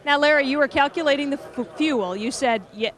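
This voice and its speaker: High-voiced upbeat pit reporter. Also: male voice, brisk, a bit bright. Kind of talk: post-race interview. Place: outdoors at a racetrack.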